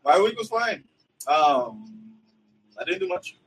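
A man's voice: sits high, huge pitch swings, slow, vocal fry, husky, distant mic, low-quality recording. A man co-hosting a podcast, prodding the others with questions and laughing in casual chat. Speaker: podcast co-host.

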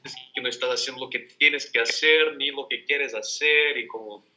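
A man's voice: mid-range voice, fairly even intonation, normal speed, pushed and bright. A man taking part in a workshop, talking casually in a group discussion. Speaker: workshop participant. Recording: dull, lo-fi audio.

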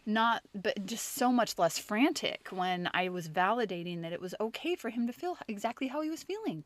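A woman in her thirties co-hosting a casual podcast, speaking earnestly and getting animated when she acts out quotes. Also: medium pitch, normal speed. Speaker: podcast co-host.

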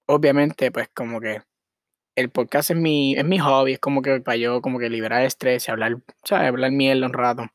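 A man's voice: mid-range voice, no echo, clean studio sound. A young man from Puerto Rico with a Puerto Rican accent, hosting his solo podcast in a rambling, frank way, with English words mixed in. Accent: Puerto Rican Spanish. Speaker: podcast host. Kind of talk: casual solo podcast monologue.

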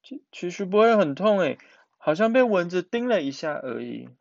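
A man's voice: sits high, very animated, normal speed, gravelly, no room sound, lo-fi sound, pitched above the performer's own voice, heavily acted. A man voicing a small girl chick who is frightened of getting a shot, speaking in a whiny, pleading way. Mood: cheerful. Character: little chick girl, scared of shots.

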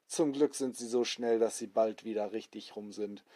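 A man improvising a children's bedtime story, pausing with fillers and adding sound effects. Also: fairly low pitch, steady tone, dark tone.

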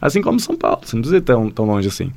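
A man's voice: mid-range voice, huge pitch swings, racing, vocal fry, a little mellow. A man with a Brazilian Portuguese accent, a language school founder, who talks as a podcast guest. He tells stories in a rambling way, uses many fillers, and often addresses the listener directly. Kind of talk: casual podcast conversation.

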